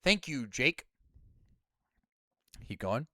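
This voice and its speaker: A man with a Midwestern American accent, a streamer chatting casually and reading viewer comments aloud, often trailing off quietly. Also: mid-range voice, sing-song, no room sound, clean studio sound. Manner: talks fast, trails off quietly, reads out comments. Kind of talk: casual chat.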